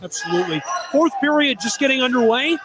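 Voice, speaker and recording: A man calling play-by-play for local radio at a basketball game, with brisk calls of the score and clock. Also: extremely high pitch, noisy background. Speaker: play-by-play announcer. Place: basketball gym, courtside.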